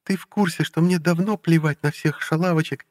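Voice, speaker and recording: Guy doing a high shaky bitter ex-wife voice, scornful and teary, dry close mic. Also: steady tone, a little fast, no echo, close to an everyday voice. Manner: scornful, sharp, trembling with anger. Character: bitter tearful ex-wife, woman in her thirties.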